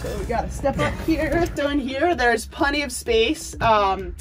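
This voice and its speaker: A woman's voice: sits high, expressive, a little slow, distant mic. An upbeat young woman chats enthusiastically as she walks through a space, filming on a handheld phone. She sits a little away from the mic, and faint music plays underneath. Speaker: athlete giving a tour. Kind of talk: casual tour vlog. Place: ski service truck and apartment, indoors. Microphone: handheld phone camera.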